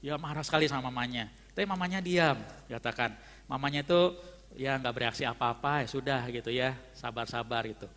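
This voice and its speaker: A man's voice: medium pitch, quick pace, fairly bright tone. A man preaching a fervent sermon and telling a story, often calling out to his listeners as brethren. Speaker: pastor. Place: church hall. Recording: long church-hall reverb.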